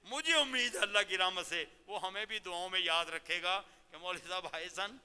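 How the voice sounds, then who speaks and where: A man giving a Ramadan sermon as a cleric, exhorting and questioning his listeners and slowing down to demonstrate careful recitation. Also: high voice, animated, sharp tone, smooth. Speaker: cleric teaching Quran lesson. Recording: long reverb of a large hall.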